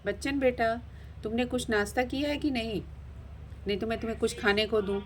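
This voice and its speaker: A woman's voice: a little high, a little fast, darkish tone, slight background noise, close to an everyday voice. A woman voicing a busy village mother in a doll story, talking in a practical, homely way.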